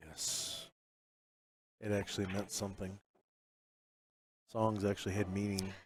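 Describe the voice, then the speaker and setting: A man's voice: lowish voice, little pitch movement, measured pace, slight background noise. An older man co-commentating a pool match in easygoing casual chat, mostly with short agreeing replies.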